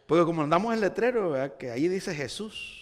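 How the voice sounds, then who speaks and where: A man's voice: a little high, expressive, quick pace, in a large hall. A man preaching a sermon as pastor, with rising emphasis and frequent repeated starts. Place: church hall.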